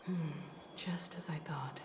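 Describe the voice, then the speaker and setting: A low, pondering female sleuth. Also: breathy edge. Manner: measured, pondering. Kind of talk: video game voice acting. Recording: noisy game audio over stream.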